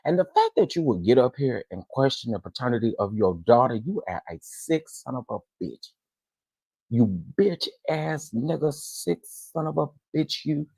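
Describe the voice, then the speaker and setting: A man giving loud, scolding reaction commentary straight to viewers. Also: mid-range voice, sing-song, moderate pace, vocal fry, slightly rough, dry recording, low-quality recording.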